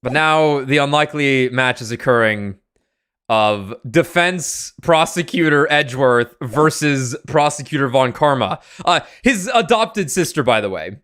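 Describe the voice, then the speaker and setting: A man's voice: mid-range voice, animated, unhurried, fairly bright tone, clear, resonant tone. A young man hosting a game stream, explaining the story in a rambling, casual way. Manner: rambling, with many fillers and restarts. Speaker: streamer, host.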